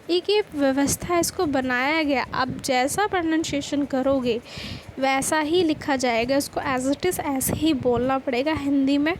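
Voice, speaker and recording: High-voiced woman teaching a grammar lesson. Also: a little hiss or hum, low-quality recording. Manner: explanatory, repeats questions to students.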